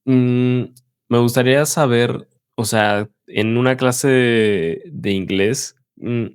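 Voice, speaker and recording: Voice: mid-range voice, takes it slowly, clear, resonant tone, no echo, clean studio sound. An interviewer hosting a casual chat, asking questions and giving frequent short backchannels. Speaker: interviewer, host.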